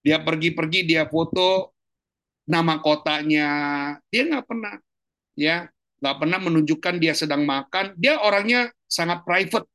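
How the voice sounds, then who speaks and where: Animated high-voiced man teaching. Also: measured pace, no room sound. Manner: animated, colloquial, jumps high in pitch for emphasis and laughs often. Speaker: pastor giving a seminar. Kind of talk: casual teaching talk. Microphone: online video call.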